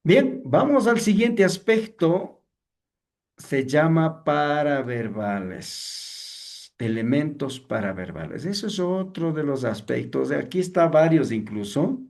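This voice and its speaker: Male seminary teacher, warm mellow tone, loose conversational lecturing style. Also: a little high, sing-song, takes it slowly. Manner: conversational, asks the class rhetorical questions; acts out sample preacher greetings to show mistakes. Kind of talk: evening class lecture.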